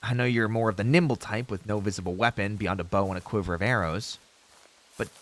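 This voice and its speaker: In a fantasy audio roleplay, a man plays a young novice hero who is earnest and idealistic, speaking in formal heroic lines while hesitantly aside to a companion. His voice is fairly low in pitch and a bit bright.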